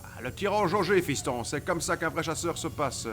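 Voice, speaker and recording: A man narrates his own gameplay in a loud, swearing, excitable way, dropping to mutters and then bursting into shouts. His voice is fairly high and swoops widely in pitch. Game music plays clearly behind him. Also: moderate pace. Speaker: let's play gamer.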